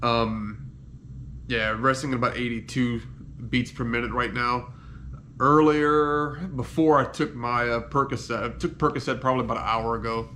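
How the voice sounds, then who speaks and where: A man recording a casual video diary while in pain and on painkillers after surgery, congested with a head cold, speaking haltingly and trailing off. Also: medium pitch, flat delivery, pushed and bright, a little hiss or hum. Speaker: patient giving a recovery update.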